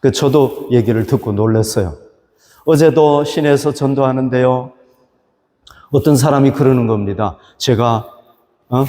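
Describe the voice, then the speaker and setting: A man's voice: medium pitch, measured pace, pauses often, warm tone, in a large hall. A male pastor preaching a sermon, asking rhetorical questions and rising for emphasis. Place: church hall.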